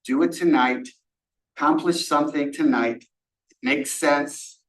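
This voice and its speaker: A man's voice: fairly high pitch, a little slow. A man giving a public comment at a township board meeting, posing pointed rhetorical questions. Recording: echoey room from a distant mic.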